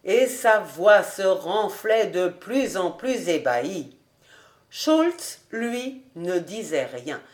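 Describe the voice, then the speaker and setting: Slow, measured French woman reading aloud. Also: lowish voice, big pitch swings. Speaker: audiobook reader. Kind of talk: audiobook narration of a classic novel.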